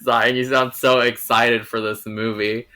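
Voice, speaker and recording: Bright-voiced young man rambling casually. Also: medium pitch, little pitch movement, measured pace. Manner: rambling, restarts and hedges. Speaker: host. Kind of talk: casual film review chat.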